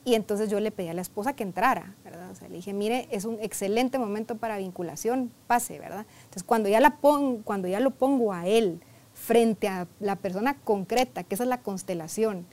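A woman with a mid-range, brisk, slightly mellow voice speaks as a therapist recounting a client's story in a conversational interview. She often adds "right?" and "I mean," sprinkles in "¿verdad?" and "o sea," and acts out dialogue from the session.

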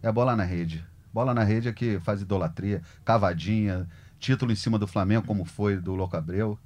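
A man talking football in an animated, emphatic, colloquial way as a sports journalist. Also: lowish voice, fairly quick. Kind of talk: casual sports discussion.

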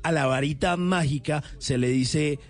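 A man's voice: on the high side, a little slow. A man hosting a casual chat, rambling on with trivia. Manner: enthusiastic, rambling storyteller. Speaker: host.

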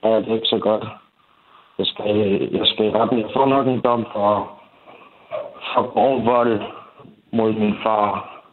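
A young man talking candidly in an interview, halting, swearing and restarting his sentences often. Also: lowish voice, steady tone. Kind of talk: candid interview about family conflict. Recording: tinny phone-like sound.

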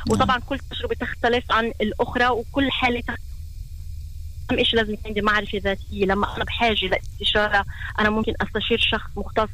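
A woman's voice: medium pitch, little pitch movement, very fast, bright, forceful tone, poor audio. A woman with a Palestinian Arabic accent, a family therapist giving advice as a guest in a radio interview.

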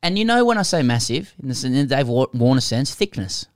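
A man's voice: medium pitch, sing-song, a little fast, no room sound, studio quality. A man co-hosting a podcast, bantering in mock-earnest, profane chat and reading out listener mail. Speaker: podcast co-host.

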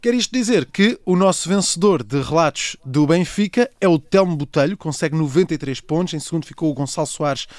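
A man's voice: a little high, expressive, a little fast, hardly any pauses, dry recording. A man with a European Portuguese accent presenting a contest show as its host.

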